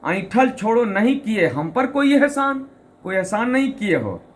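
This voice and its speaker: Man doing a talking sock, sharp-tongued, mocking, rhyming retorts, lively pitch. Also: a little slow.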